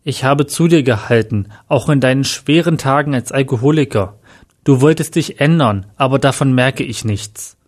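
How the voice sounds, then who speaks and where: A man's voice: medium pitch, normal speed, close to an everyday voice. A man voicing a hurt, reproachful young man in a read-aloud story. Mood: upset. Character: angry, tearful young man.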